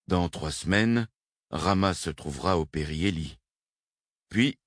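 A man reading the lines of a male spaceship commander who speaks gently, neutrally and carefully. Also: extremely low pitch, husky, no echo, studio quality, full character voice.

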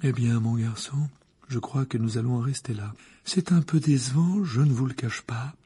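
A man reading an audiobook, voicing an eccentric older female seer who speaks in slow, hushed, breathy tones. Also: medium pitch. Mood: disappointed. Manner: slow, mysterious, then harsh trance voice. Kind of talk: audiobook character voice.

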